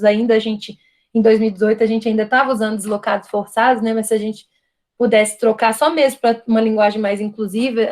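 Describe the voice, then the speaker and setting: Her pitch is fairly high and her tone darkish as this Brazilian woman lectures online to a university audience. A guest lecturer with a Brazilian Portuguese accent, she speaks reflectively, peppering her talk with "né?" and frequent restarts.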